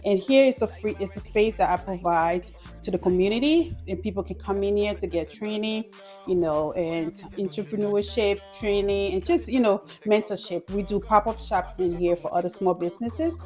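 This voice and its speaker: A woman's voice: mid-range voice, normal speed, warm tone, faint music behind. A woman in her thirties from Liberia, a business owner answering interview questions casually, with lots of "you know" fillers.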